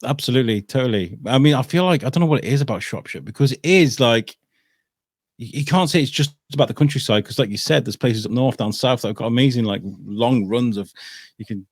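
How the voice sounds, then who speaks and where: A man's voice: mid-range voice, a little fast, no room sound, studio quality. A man hosting a podcast in casual interview chat, hesitant, with many ums and restarts. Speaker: podcast host.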